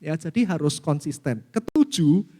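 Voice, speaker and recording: A man's voice: fairly high pitch, moderate pace. A middle-aged pastor preaching a sermon with an Indonesian accent, calling out to the congregation as he teaches. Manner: lively preaching, often addresses listeners as saudaraku. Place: church hall. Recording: long reverb of a church hall.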